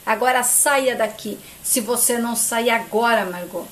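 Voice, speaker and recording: A woman's voice: on the high side, normal speed, lightly acted. A woman voicing a bitter grown son who coldly accuses his mother. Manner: cold, accusing, repeats her name.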